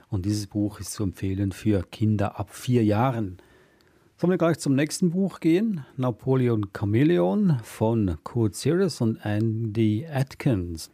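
A man co-hosts a children's book programme, announcing titles and authors in a brisk, matter-of-fact way. His voice sits low and mellow. The recording is dry and close. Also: no room sound. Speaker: co-host announcing books. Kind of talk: radio co-host chat.

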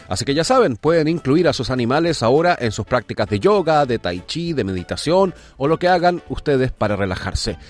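Male host of a weird-news slot, playful asides, very animated pitch, light music bed. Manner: jokey asides, lively delivery. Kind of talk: humorous news radio segment.

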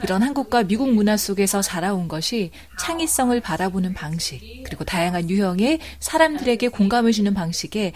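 A woman works as a program host, delivering scripted narration and introductions. Her intonation moves up and down a lot, at a middle pitch for a woman. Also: expressive, a little fast, few pauses, darkish tone.

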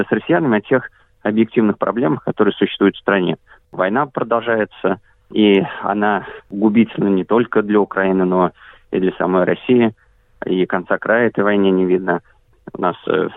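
A man interviewed as an activist coordinator, answering in a measured way with frequent hesitation sounds. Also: low voice, gravelly, dry recording. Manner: measured, frequent filler sounds, careful listing. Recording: dry tinny phone-like line.

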